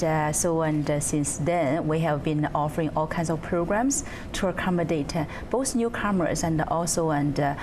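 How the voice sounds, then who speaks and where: A woman from China, a guest in a TV studio interview who is soft-spoken and uses many fillers. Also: deep voice. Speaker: guest, executive director. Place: TV studio set. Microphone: lapel. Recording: audible background noise.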